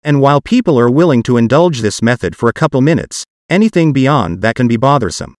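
This male podcast host sounds synthetic, much like a vintage speech synthesizer, reading scripted lines with even, robotic articulation. The pitch sits in the middle, and the delivery is animated and fairly quick. Studio-quality audio with no room sound.

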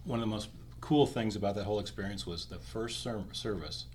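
A man in his sixties, a podcast guest, telling lively anecdotes in casual conversation. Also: fairly low pitch, brisk, a little hiss or hum.

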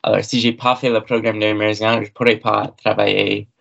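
A man's voice: lowish voice, little pitch movement, normal speed, gravelly, a bit bright. A young man from Cape Breton Island, an English speaker and university student, speaking plainly and earnestly. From Cape Breton Island, Canada. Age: young adult. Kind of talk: casual discussion. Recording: dull lo-fi sound.

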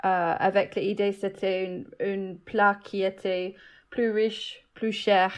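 A woman whose first language is English, a guest cook chatting in a halting way, searching for words. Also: mid-range voice, flat delivery. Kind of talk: casual cooking chat.

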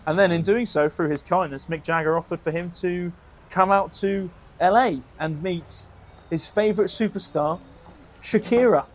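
Male co-host, a touch high, rambling upbeat travel storyteller. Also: normal speed. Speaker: podcast co-host.

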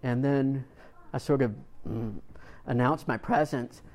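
A male pastor delivers a sermon at an unhurried pace, drawing his point from a personal story. His middle-pitched voice rises with feeling, and he repeats words as the emotion builds. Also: darkish tone. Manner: storytelling, earnest, repeats words when moved.

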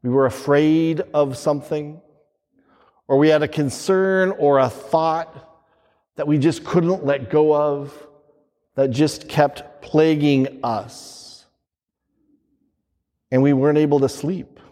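A man speaking as a priest in solemn, measured liturgical reading and preaching, his voice ringing with cathedral echo. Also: fairly high pitch, dark tone. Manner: solemn, measured delivery with deliberate pauses. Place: large reverberant church. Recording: long cathedral echo, reverberant church hall.

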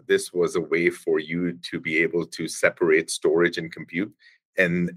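A man with a very low voice is a guest on a podcast. He explains things patiently at length, stops often and starts his sentences over. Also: a bit bright. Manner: explanatory, halting with many restarts. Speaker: guest, engineering executive. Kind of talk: podcast interview.

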